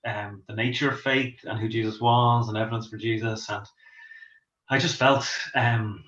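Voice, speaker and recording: A man's voice: on the low side, fairly even intonation, moderate pace, a bit bright. A middle-aged Irish man from Dublin, a pastor and author, answering interview questions with many ums and restarts. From Ireland. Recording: echoey, dull lo-fi sound.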